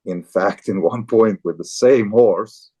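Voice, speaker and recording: Slow, deep-voiced man from Azerbaijan. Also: mellow, husky. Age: 40s. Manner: halting, repeats and restarts words, with occasional chuckles. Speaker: guest, farrier and show jumper. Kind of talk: casual interview talk.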